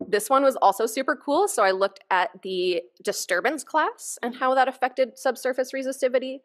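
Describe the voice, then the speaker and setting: Speaking at normal speed in a high-sitting voice, a woman researcher presents her work at a conference. She stands at a lectern on the hall stage, and her keynote is informal and full of enthusiasm.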